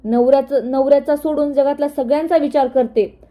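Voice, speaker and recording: A woman's voice: high-pitched, steady tone, brisk, dark tone, lightly acted. A woman reading the lines of an affectionate young husband, playful and teasing. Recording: dull lo-fi recording.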